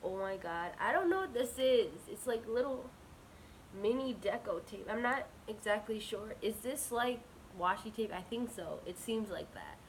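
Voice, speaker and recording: A woman with a cold chatting casually and gushing with excitement as she presents an unboxing vlog. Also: fairly high pitch, a little hiss or hum, poor audio. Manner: gushing, bubbly, drawn-out words. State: slightly sick, with a cold. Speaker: unboxing vlogger.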